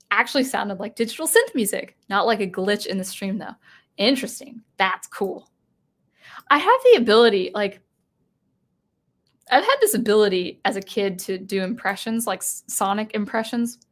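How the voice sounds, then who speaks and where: Tired woman streamer rambling thru chat, lots of restarts, mid pitch. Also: fairly bright tone. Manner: rambling, self-interrupting, chuckling. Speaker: streamer reading live chat. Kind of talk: casual live-stream chat.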